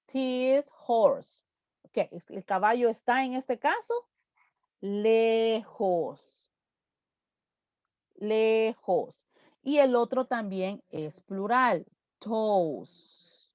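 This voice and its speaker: A woman English teacher, explaining slowly and repeating each English word in a live online lesson. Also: on the high side, no echo. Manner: slow, drawn-out explanations repeating English words.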